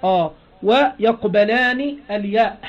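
A man's voice: high-pitched, unhurried, dull audio. A man with an Egyptian Arabic accent teaching a grammar lesson, explaining step by step and quizzing his listeners with prompting questions.

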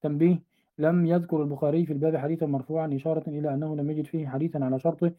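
A man reading a classical commentary aloud to his teacher in a fast, even recitation, now and then correcting himself. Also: fairly high pitch. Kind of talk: traditional classical text recitation.

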